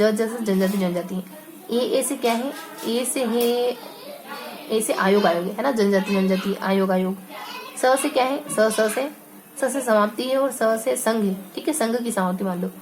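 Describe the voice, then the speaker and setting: A woman teaching an exam-prep lesson, slowly repeating and stretching words as she explains memory tricks. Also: mid-range voice.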